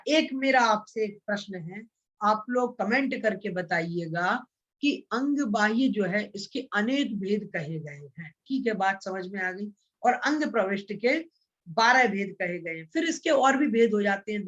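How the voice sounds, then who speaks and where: A man teaching an online scripture class, patiently explaining and repeating points, and chanting Sanskrit verses slowly. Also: high voice, fairly bright tone, lo-fi sound. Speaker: religious studies teacher.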